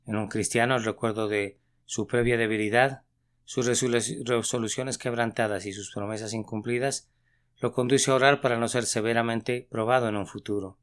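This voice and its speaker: A man reads a sermon aloud with an earnest, measured delivery. His voice is smooth and resonant, sitting at an ordinary middle pitch for a man. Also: fairly even intonation. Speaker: sermon reader.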